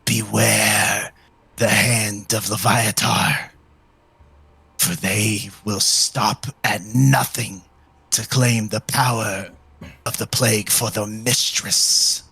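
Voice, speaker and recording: A man voicing an urgent serpent spirit of plague, speaking in a drawn-out, ominous way as a game master. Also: on the low side, steady tone, gravelly, bright, forceful tone, husky, exaggerated voice. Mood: urgent, fearful. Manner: slow, drawn-out, ominous urging.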